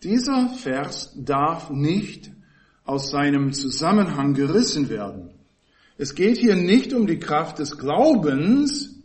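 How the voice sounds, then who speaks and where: A man giving an expository Bible teaching, explaining the text in a measured way and stressing key words with pauses. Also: on the high side, sing-song, darkish tone.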